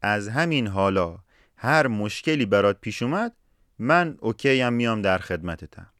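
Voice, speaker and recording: A man voicing a huge male div monster in a spoken folk tale, loud and threatening, then brotherly. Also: on the low side, animated, clean tone, no room sound, clean studio sound. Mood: friendly.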